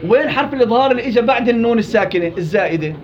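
High-voiced tajweed teacher. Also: male voice, expressive, lo-fi sound. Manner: quizzing students, drawn-out slow repetitions. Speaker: Quran recitation teacher. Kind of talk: interactive tajweed class.

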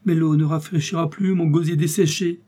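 A broken, remorseful king crying out in despair, his voice rising high and loud with each plea, as a man puts him on. The tone stays dark and husky underneath the anguish, like a storybook monarch who has lost everything. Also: fairly even intonation, fairly quick, lightly acted. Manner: anguished, pleading cries. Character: grief-stricken king, older man, remorseful.

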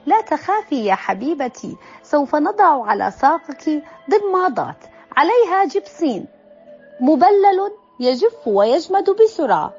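A woman voicing a gentle mother who speaks tenderly and reassuringly, in a slightly dull recording with faint music. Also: high voice, very animated, measured pace. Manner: tender, soothing.

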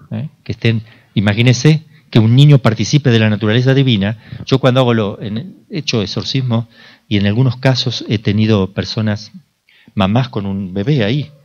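A priest from Argentina giving an informal talk, mid-pitched, chatty, quizzing his listeners and acting out little exchanges. The recording sounds dull and lo-fi. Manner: conversational, asks the audience questions, acts out dialogues.

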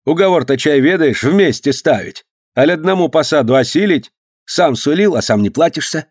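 A man's voice: on the high side, lively intonation, moderate pace, breathy edge, dry recording, studio quality, voice pushed up. Man voicing a quarrelsome young brawler. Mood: provoking. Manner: provoking, shouting. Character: brash young townsman, quarrelsome, boastful.

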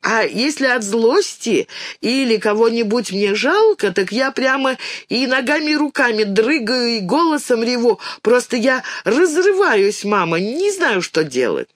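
A woman reader voicing a lively, impulsive little girl in an audiobook, with emphatic, excitable outbursts. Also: on the high side, a little slow, dry recording, clean studio sound, pitched above the performer's own voice. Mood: excited. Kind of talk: audiobook character voice.

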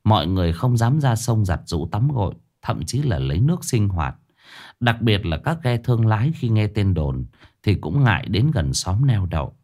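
Lively low-voiced male ghost-story teller. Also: moderate pace. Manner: lively, dramatic first-person telling. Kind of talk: scripted ghost story narration. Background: faint music.

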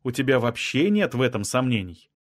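A man's voice: medium pitch, sing-song, fairly quick, dry recording, studio quality, close to an everyday voice. A male reader voicing an anxious, insistent woman scientist who keeps pressing with questions.

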